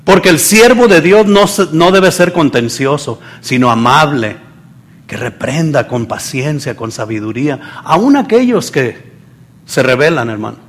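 A man preaching a sermon, swinging between loud emphasis and soft asides and acting out the people he quotes. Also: a little high, expressive, a little slow.

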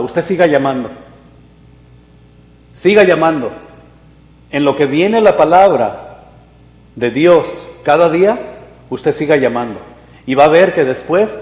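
A man, a pastor preaching a sermon, animated and swinging between loud and hushed. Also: a little high. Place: church hall. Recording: echoey hall reverb.

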